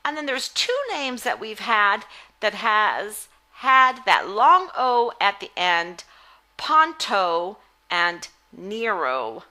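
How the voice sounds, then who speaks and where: A woman giving a phonics lesson as a reading teacher, deliberately enunciating words in an instructional way. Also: mid-range voice, very animated, sharp tone. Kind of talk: phonics lesson, word-by-word articulation drill.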